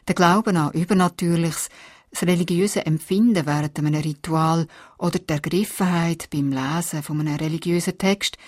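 A woman, reading a scripted radio feature in a calm, explanatory way. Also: low-pitched, dry recording, clean studio sound. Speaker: radio reporter.

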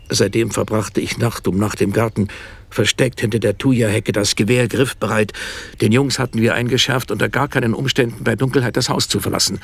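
Gravelly husky man, haunted hushed tale. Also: fairly low pitch. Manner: hushed and haunted, addressing his wife, dropping to a near whisper. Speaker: narrator of a radio drama. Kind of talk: first-person radio drama monologue.

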